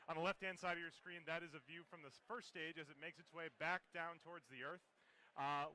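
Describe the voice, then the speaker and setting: A man with a fairly high voice gives live rocket launch commentary as a webcast host. He explains technical steps clearly for viewers, with noticeable noise behind him. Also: bright, forceful tone, low-quality recording. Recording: clear urban background noise. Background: cheering at company headquarters.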